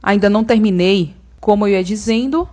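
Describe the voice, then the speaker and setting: A woman's voice: medium pitch, steady tone, moderate pace, a little mellow, lightly acted. A woman playing Censorship as a domineering ringmaster in a radio drama, with theatrical, commanding announcements. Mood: stern, commanding. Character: Censorship personified, domineering, menacing female ringmaster silencing everyone.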